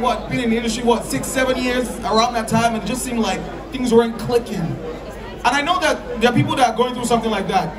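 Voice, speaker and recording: Man on an outdoor stage at night, high voice raised to a shout, heard from far off, loud crowd around. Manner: shouting, earnest, asks the crowd to follow. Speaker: event host on stage. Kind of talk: live speech to an audience. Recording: distant crowd-filled event audio.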